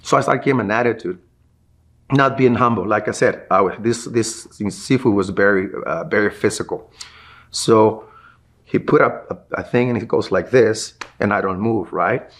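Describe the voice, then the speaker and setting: A man's voice: on the low side, moderate pace. A middle-aged man, a martial arts instructor, recounts a personal story in an interview and acts out the people he quotes.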